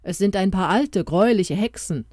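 A woman's voice: medium pitch, normal speed, dark tone, dry recording, clean studio sound, close to an everyday voice. A woman voicing an old king bewitched into a small crowned mouse, who comforts and urges the hero in a storybook tale. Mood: earnest, urging. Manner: comforting, urging.

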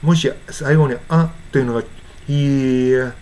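Guy explaining english sounds in songs, sings bits of the lyrics, warm low-key voice. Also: a little fast. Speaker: English pronunciation teacher. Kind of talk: casual pronunciation lesson with sung examples.

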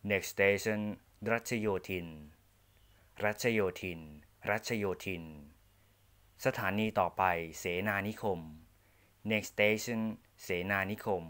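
Slow, clear male train announcer. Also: lowish voice, fairly bright tone. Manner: measured, deliberate, formal enunciation. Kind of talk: prerecorded bilingual train announcements.

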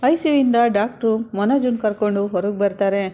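A woman recounts a soap-opera episode in a steady storytelling voice. Her tone is mellow and warm, never bright, with a medium pitch. She moves through scenes evenly and plainly. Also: moderate pace. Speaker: narrator. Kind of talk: casual retelling of a TV serial episode.

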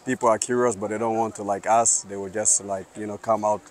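A man in his thirties from Liberia, answering street interview questions outdoors in an earnest, halting way with many fillers. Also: fairly low pitch, fairly even intonation, a little hiss or hum. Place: sunny city square outdoors.

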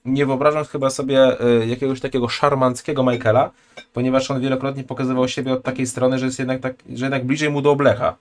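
This man, in his thirties, talks fast in a medium-pitched, level voice while streaming from a room at home. His live-stream commentary is casual, and he reacts bluntly and crudely while chatting and reading donations aloud.

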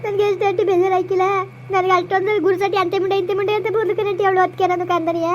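A woman's voice: extremely high pitch, little pitch movement, rapid-fire, muffled recording, slight background noise. A woman playing a tearful young village wife who complains about her husband in a comedy skit. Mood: aggrieved.

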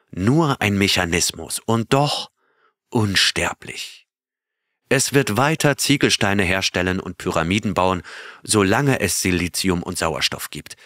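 An earnest male astronaut recounting his adventure to his crew in an audiobook, read by a man. His voice sits very low yet sounds forceful and bright, and it is recorded dry and close. He draws his listeners in with questions as he goes. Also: no room sound, full character voice. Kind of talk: audiobook reading of a character's tale.

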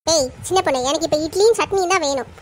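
A woman's voice: extremely high pitch, racing, slight background noise. A woman voicing a strict, grumbling middle-aged cartoon mother-in-law who nags and complains in Tirunelveli Tamil. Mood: scolding. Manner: nagging, complaining, bossy.

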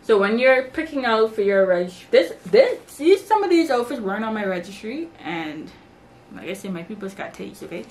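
A young Bahamian woman, speaking somewhat high at a normal speed, vlogs casually to camera from her bedroom, showing off baby shower gifts. She's chatty and lively and talks with her hands in this haul video, captured on a low-quality recording.

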